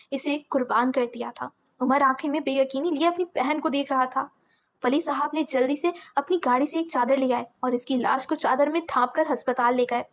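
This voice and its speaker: A woman reading a novel aloud as an audiobook narrator, steady and measured. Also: high-pitched.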